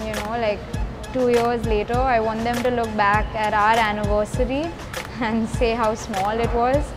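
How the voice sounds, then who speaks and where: A young adult woman, a breakdancer, speaks in an interview with a fairly high voice. She sounds earnest and determined. Hip-hop music plays clearly behind her. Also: steady tone, moderate pace. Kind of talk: documentary interview.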